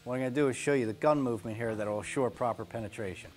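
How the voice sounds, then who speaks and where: A man in his forties teaches welding in a practical, step-by-step way. His voice sits at an ordinary middle pitch and he speaks from an indoor workshop on a lapel mic. Faint music plays underneath. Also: very fast. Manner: plain, practical step-by-step explaining. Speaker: welding instructor. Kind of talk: instructional demonstration. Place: indoor workshop garage studio.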